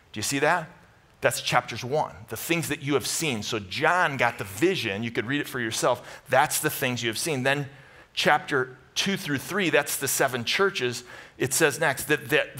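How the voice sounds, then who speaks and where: Speaking from a church stage indoors, a middle-aged American man teaches the Bible to his live congregation as pastor. His voice is sharp and medium in pitch, and he preaches in short, punchy, conversational phrases, hammering points through repetition.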